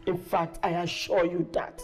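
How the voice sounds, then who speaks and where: A woman's voice: lowish voice, level tone, moderate pace, a little mellow, faint music behind, close to an everyday voice. An actress in a Nigerian film playing a middle-aged mother with a Nigerian accent, effusive and exclamatory as she pushes her daughter's match. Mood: persuasive. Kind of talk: film acting.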